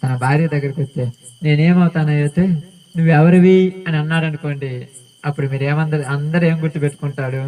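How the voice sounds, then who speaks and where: A man's voice: on the high side, level tone, fast talker, darkish tone, rough recording. A male pastor preaching a sermon in a colloquial style, often putting questions to the congregation.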